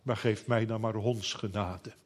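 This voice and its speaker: A man's voice: lowish voice, steady tone, unhurried, a little hiss or hum. A man preaching a sermon in a solemn, old-fashioned biblical manner.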